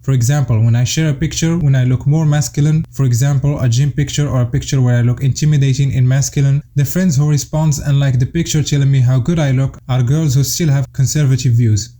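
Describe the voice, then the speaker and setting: A man's voice: mid-range voice, fairly even intonation, brisk, hardly any pauses, warm tone. A young man from Morocco giving an earnest, explanatory voice-over commentary, laying out his points in order. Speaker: YouTube commentator.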